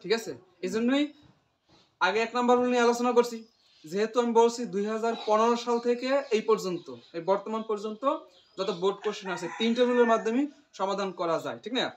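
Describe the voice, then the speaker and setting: A man's voice: high voice, fast, slight background noise. A man tutoring English grammar, asking questions and repeating the student's answers, explaining step by step. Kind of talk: English grammar lesson with call-and-response.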